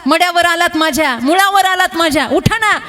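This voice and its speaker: A woman voicing an exasperated village wife who scolds her idle husband, in a sharp nagging tone, as part of a devotional storytelling sermon. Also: moderate pace, a faint crowd. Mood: scolding. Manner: scolding, shrill, impatient.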